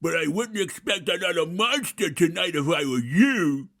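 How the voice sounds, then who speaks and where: Woman voicing a big scruffy slobbering boy monster, gravelly. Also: on the low side, lively intonation, moderate pace, a bit bright, pitched below the performer's own voice. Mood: whiny, offended. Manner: slurping, whining.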